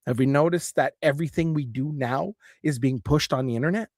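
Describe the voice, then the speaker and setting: A man's voice: medium pitch, fairly quick, a little mellow, no echo, studio quality. A man hosting his own show, talking through a subject in an earnest, rambling monologue full of restarts. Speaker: show host. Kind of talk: spoken monologue.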